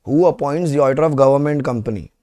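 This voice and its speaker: A man's voice: mid-range voice, quick pace, darkish tone. A man with an Indian accent teaching a live class, putting quiz questions to students and repeating phrases for emphasis.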